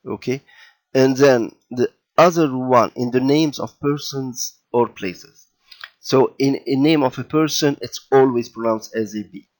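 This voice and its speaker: A man teaching children to read letters, patient and unhurried, often pausing with "okay" and repeating sounds slowly. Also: mid-range voice, darkish tone. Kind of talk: slow explanatory lesson for children.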